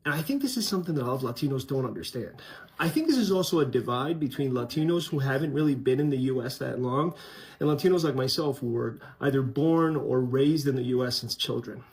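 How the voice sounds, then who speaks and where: A Colombian-born man raised in the US hosts a casual opinion vlog, talking frankly and conversationally to his channel's viewers with many fillers. His medium-pitched voice is expressive and quick.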